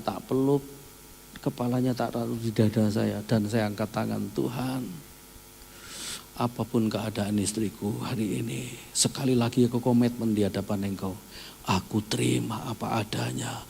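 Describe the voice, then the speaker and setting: A middle-aged male pastor, preaching in a storytelling way, acting out dialogue and rising to loud shouts. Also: lowish voice, steady tone, normal speed, creaky. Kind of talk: sermon. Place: church hall. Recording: long hall reverb, faint noise.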